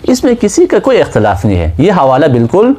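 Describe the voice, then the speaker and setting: Lively-voiced male seminary lecturer. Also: on the high side. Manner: asks questions and answers them himself. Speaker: seminary teacher. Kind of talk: classroom lecture on Islamic law.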